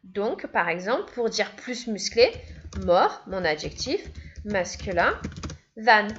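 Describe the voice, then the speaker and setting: A woman's voice: mid-range voice, sing-song, slow, fairly bright tone, slight background noise. A woman teaching an English grammar lesson, patiently repeating each step. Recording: dull, lo-fi sound.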